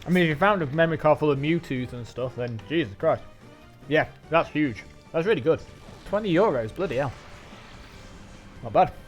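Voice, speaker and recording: English guy rambling on a game stream, bit of a higher voice, game music quiet underneath. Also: lively intonation, moderate pace, long pauses. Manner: rambling, chatty, talks with mouth full. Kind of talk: casual live-stream chat while gaming.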